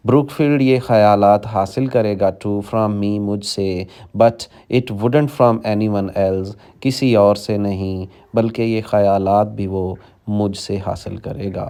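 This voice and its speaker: A man teaching English in a bilingual lecture, reading the text slowly and explaining it in Urdu to his students. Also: fairly low pitch, warm tone. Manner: reads English slowly word by word, then explains quickly in Urdu; addresses students directly as children.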